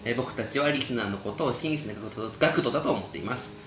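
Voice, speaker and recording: A man's voice: fast talker, faint music behind. A man co-hosting a casual radio talk show, chatting and reading listener mail with frequent laughter. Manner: chatty, laughs often, lively pitch. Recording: echoey room with background noise.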